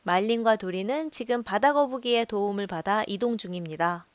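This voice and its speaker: A woman narrating a film review in a calm, measured storytelling voice. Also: medium pitch. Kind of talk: scripted voice-over narration.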